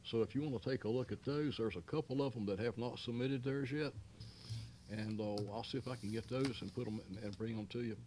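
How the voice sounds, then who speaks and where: A middle-pitched man speaks as county manager at a public meeting, with faint noise behind him. He talks in a folksy, rambling way, full of fillers, restarts and homespun turns of phrase. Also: fairly quick, a little mellow. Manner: folksy, long-winded, many fillers and restarts. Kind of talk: explaining at a public board meeting.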